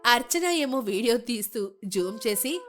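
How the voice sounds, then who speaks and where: A woman's voice: fairly high pitch, expressive, a little slow. Woman telling a village story. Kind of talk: scripted story narration.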